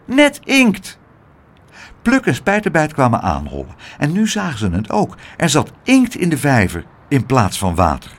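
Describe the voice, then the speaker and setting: A man reading a children's story aloud in a lively, expressive way. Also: medium pitch, normal speed, hardly any pauses. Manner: animated, expressive.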